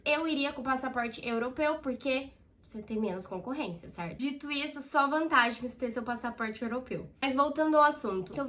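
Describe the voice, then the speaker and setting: Bright, chatty Brazilian woman vlogger. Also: sits high. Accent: Brazilian Portuguese. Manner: chatty, addresses viewers as "gente". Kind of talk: direct-to-camera explainer.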